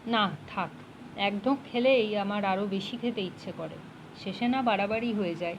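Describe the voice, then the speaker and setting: A woman reading the lines of a weary middle-aged male stage actor in a storybook reading, quiet and earnest. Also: mid-range voice, moderate pace, noisy background, close to an everyday voice.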